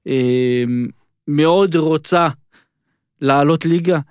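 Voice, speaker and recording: A man's voice: a little high, a little mellow, clear, resonant tone, no room sound, studio quality. A man speaking earnestly and emphatically as a guest in a casual sports chat. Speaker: podcast guest.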